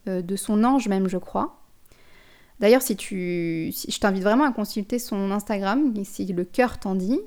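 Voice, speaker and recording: A woman's voice: medium pitch, a little mellow. Reflective woman hosting a spiritual podcast. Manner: reflective, addresses listener directly, frequent restarts. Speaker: podcast host.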